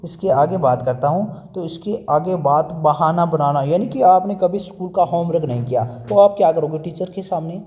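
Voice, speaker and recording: A male English teacher with a slightly high, mellow voice drills vocabulary. He asks his own questions, answers them, and spells each word out letter by letter. The sound is muffled and lo-fi, with a long, ringing room reverb. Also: normal speed, hardly any pauses. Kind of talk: vocabulary lesson. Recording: dull lo-fi audio in a reverberant room.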